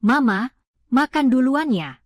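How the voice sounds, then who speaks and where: A woman voicing a poor, gentle young mother in a dubbed drama, speaking softly and tenderly. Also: high voice, animated, slow pace, dry recording, studio quality, full character voice. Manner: soft and tender.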